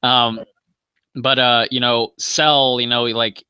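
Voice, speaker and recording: A man's voice: mid-range voice, level tone, takes it slowly, clear, resonant tone, dry recording, dull audio. A young man arguing in a casual live-stream debate, rambling with many fillers and swearing. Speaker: debate guest.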